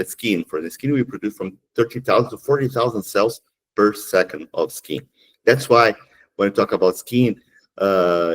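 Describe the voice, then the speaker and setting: A middle-aged male geneticist teaching a webinar in a fairly low voice that swings widely in pitch. He explains patiently, step by step, and keeps checking that listeners follow with a quick "okay?". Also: rough recording. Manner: counts aloud with the audience. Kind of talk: webinar lecture.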